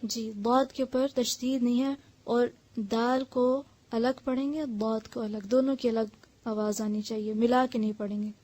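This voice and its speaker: A woman with a high voice gives quiet, patient pronunciation corrections in a recitation lesson. Her explanations come in brief bursts. A faint hiss of background noise sits under her voice. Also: fairly even intonation, a little slow. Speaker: Quran recitation teacher.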